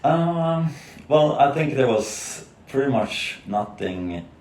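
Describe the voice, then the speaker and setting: A man's voice: mid-range voice, expressive, slow, a little mellow. A man from Sweden, a nervous, hesitant podcast guest who uses many fillers, speaking over a video call. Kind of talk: casual conversational interview. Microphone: video call camera. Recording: echoey room with faint noise.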